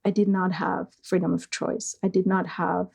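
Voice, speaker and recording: Slow, soft-spoken woman with a gravelly edge. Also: on the low side, little pitch movement. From East Germany. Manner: slow, hesitant, with many fillers. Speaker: guest. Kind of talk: reflective conversation.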